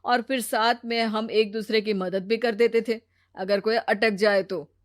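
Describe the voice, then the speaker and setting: A woman voicing a sensible grown man, a brother-in-law who talks patiently and gently lectures. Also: a little high, steady tone, a little slow, natural voice. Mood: gently lecturing.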